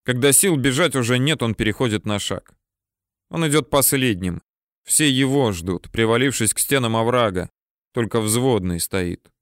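A man reading a military adventure story as an audiobook, with steady storytelling that swells at tense moments. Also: medium pitch, normal speed, no room sound, clean studio sound. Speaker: audiobook narrator. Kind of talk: scripted audiobook narration.

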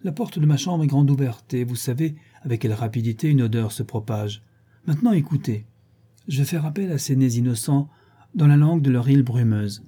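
A man voicing an effusive, teasing French theatre director in a storybook reading, pitched above his narrating voice. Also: a little fast, dark tone, slightly rough, natural voice. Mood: jovial. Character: jovial, talkative middle-aged French theatre director.

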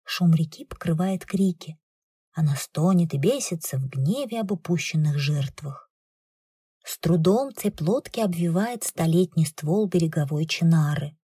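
A woman reads a tense adventure aloud with a husky, breathy voice. Her telling is dramatic and measured, recorded close and dry. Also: sits low, warm tone, dry recording. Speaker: audiobook narrator. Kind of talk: scripted narration.

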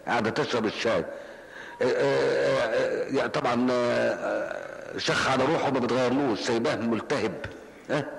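A gravelly, medium-pitched voice belongs to an older Egyptian preacher speaking briskly in a large mosque hall. He answers questions through colloquial stories, repeating phrases for emphasis, on a rough recording.

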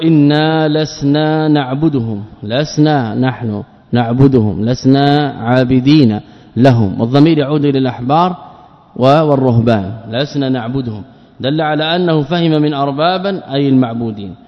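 A man giving a religious lesson, explaining terms and grammar and putting questions to his listeners. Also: on the high side. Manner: explains words and grammar, asks the audience questions. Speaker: Islamic scholar teaching a book. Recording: dull lo-fi recording with long hall reverb.

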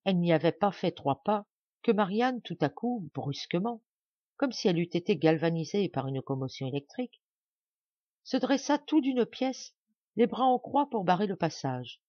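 Woman reading a novel aloud, measured. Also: fairly low pitch, sing-song, dry recording, lo-fi sound. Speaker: audiobook reader. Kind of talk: scripted narration.

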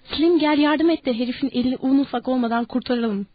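A woman voicing an anxious, loyal ranch worker shouting urgent orders, in a dull audiobook recording. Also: sits high, quick pace.

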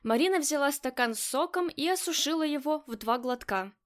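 A woman with a high, light voice reading a novel aloud as an audiobook. Her narration is scripted, even and clear. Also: brisk.

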